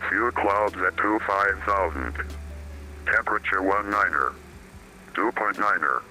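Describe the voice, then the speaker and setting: A man's voice in an automated airport weather broadcast over the radio, reading weather codes in a flat, clipped way. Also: deep voice, a little slow, rough recording. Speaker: recorded airport information service.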